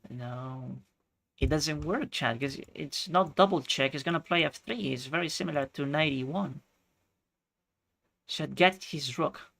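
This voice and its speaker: A man from Chile streaming chess, thinking out loud through his moves and chatting with viewers. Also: on the high side, unhurried, gravelly. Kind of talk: live-stream commentary.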